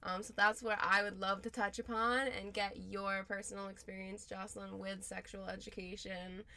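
A young woman co-hosts a casual, chatty podcast from inside a closet. Her voice sits at an average pitch for a woman, in an informal conversational style. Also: level tone, moderate pace, sharp tone. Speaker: podcast co-host.

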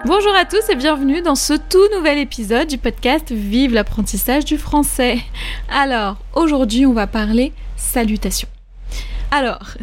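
A woman hosting a podcast lesson, explaining greetings step by step, repeating example words and checking in with learners. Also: high voice. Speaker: French teacher and podcast host. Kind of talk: casual spoken lesson for learners.

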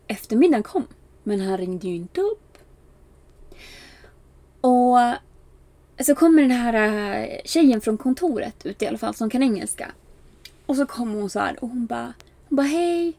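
A young woman casually telling a story, animated, with many fillers, acting out the lines of people she quotes. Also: fairly high pitch, no room sound. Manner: animated, acts out quoted exchanges with bright raised voice; frequent filler "bara" and "liksom", laughs at herself.

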